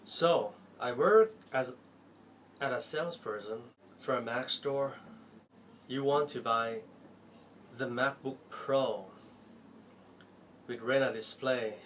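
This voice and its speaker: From a tiny, cluttered bedroom, a young Thai Apple store salesperson with a Thai accent earnestly pleads with the camera. He speaks slowly in a mid-range voice, pausing frequently and varying his loudness with emotion. A little hiss or hum can be heard.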